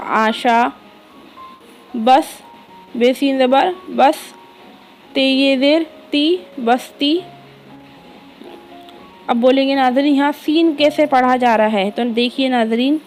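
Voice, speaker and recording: A woman with an Indian accent, teaching an early reading lesson by spelling words out letter by letter, slow and drawn-out. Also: high-pitched, poor audio. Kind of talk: spelling lesson for young children.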